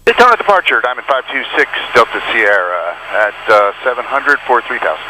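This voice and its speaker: A man's voice: medium pitch, big pitch swings, fairly quick. A man speaking as a pilot over the radio, giving clipped readbacks on a noisy aircraft radio. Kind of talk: aviation radio communication.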